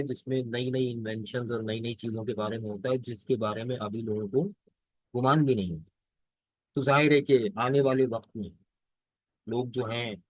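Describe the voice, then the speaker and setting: A male teacher gives a lesson, speaking in a mid-range voice. He reads lines of the text slowly, then explains them in Hindustani, often asking a question and answering it himself. The recording is close and dry, with no room sound. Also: mid-range voice, no echo, low-quality recording. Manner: fills pauses with "theek hai". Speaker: English teacher. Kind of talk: lecture explaining a text line by line.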